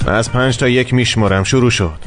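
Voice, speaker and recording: A man's voice: medium pitch, faint music behind, lightly acted. A man voicing a stern, commanding older brother in a dubbed TV drama.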